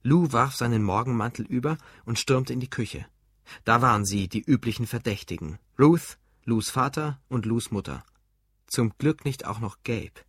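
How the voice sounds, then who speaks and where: Husky male audiobook narrator. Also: mid-range voice, moderate pace, fairly bright tone, dry recording. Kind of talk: scripted narration.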